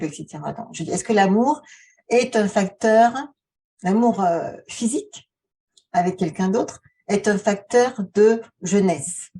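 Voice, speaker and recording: Dark-voiced, slightly husky woman vlogger. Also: medium pitch, distant mic. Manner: conversational, halting, posing rhetorical questions. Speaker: video channel host, author and relaxation therapist. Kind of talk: casual vlog talk addressed to the viewer.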